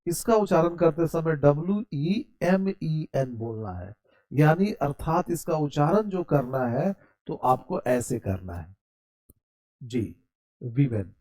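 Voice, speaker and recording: A man's voice: on the high side, big pitch swings, slow, a little mellow. A man teaching a spoken English grammar lesson. He explains step by step, asks his students questions and answers them himself, and spells words out letter by letter. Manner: calls the listener "brother".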